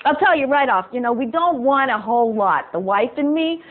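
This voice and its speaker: A woman's voice: sits high, lively intonation, a little fast. A woman voicing a poor, complaining fisherman who talks in a casual, folksy, whiny way. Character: poor, complaining working-class fisherman, gruff. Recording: tinny phone-like sound.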